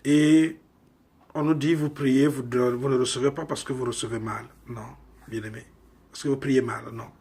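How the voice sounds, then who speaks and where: A man from Congo delivering a slow, emphatic sermon full of rhetorical questions. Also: medium pitch, steady tone, darkish tone, breathy edge. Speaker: preacher.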